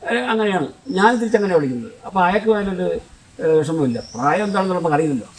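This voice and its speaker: A man's voice: high voice, lively intonation, very fast, recorded from a distance, poor audio. An older film director from Kollam with a Kollam Malayalam accent, telling rambling, conversational memories and often restarting his sentences. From Kollam, Kerala, India. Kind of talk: reminiscing storytelling.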